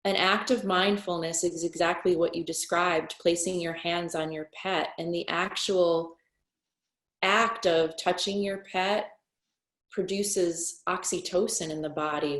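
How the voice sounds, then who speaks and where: A woman taking part in a group class, earnestly sharing what she learned. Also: on the low side. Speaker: class participant. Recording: roomy echo.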